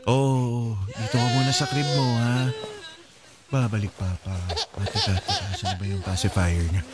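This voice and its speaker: An actor playing a young husband and father in a radio drama, pleading with his wife and soothing his baby, then shouting in panic. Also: fairly low pitch, level tone, normal speed, close to an everyday voice. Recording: radio drama with loud music underscore.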